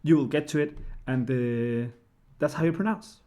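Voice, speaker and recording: A man's voice: a little high, moderate pace, dark tone. A man giving a casual screen-share tutorial, explaining step by step and often checking in with "right?". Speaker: language tutor.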